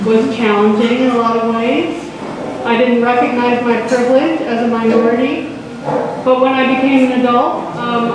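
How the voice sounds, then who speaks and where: A woman's voice: fairly high pitch, noisy background. A woman from Hawaii speaking as a panelist in a community discussion, in a casual, personal way. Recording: distant in an echoey hall.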